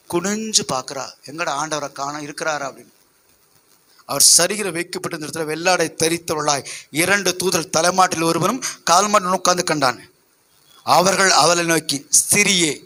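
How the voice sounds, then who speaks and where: A man's voice: high-pitched, pushed and bright. A man preaching a sermon as pastor, emphatic and full of rhetorical questions to his listeners.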